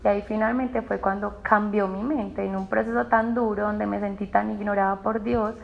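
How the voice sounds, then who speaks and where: A woman's voice: mid-range voice, fairly even intonation, normal speed, creaky, dull audio, soft background music. A woman with a Colombian accent telling her personal faith testimony, with emotional storytelling that quotes her own past words. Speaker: testimony speaker.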